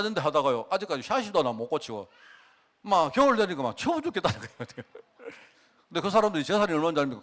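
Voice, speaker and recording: Animated male pastor preaching. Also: on the high side. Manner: folksy, animated preaching with rhetorical questions. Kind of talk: sermon. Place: church sanctuary.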